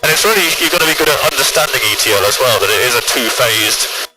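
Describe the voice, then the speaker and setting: A man coaching a student pilot in flight, brisk, encouraging and talkative, on a headset intercom. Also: mid-range voice, lively intonation, low-quality recording. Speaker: helicopter flight instructor. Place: helicopter cockpit in flight. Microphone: aviation headset intercom. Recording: intercom over loud rotor noise. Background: loud rotor and engine noise.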